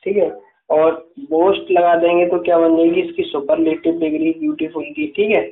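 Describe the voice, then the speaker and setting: A man with a high-pitched voice teaches a grammar class and dictates notes slowly and patiently. He keeps checking in with his students. The sound is echoey and tinny, as if from a phone in a bare room. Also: gravelly. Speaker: English teacher.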